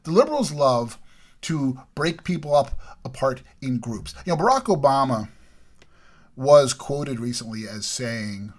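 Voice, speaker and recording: An American political commentary host delivers an emphatic, opinionated monologue in an expressive mid-range voice at a measured pace. He repeats his points and swings between loud and quiet.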